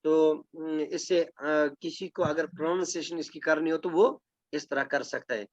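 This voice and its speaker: A man's voice: fairly high pitch, fairly even intonation. A man teaching a class, explaining step by step and checking in with his students over and over. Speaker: Quranic Arabic grammar teacher. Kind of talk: classroom lesson with recitation. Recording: dull lo-fi recording.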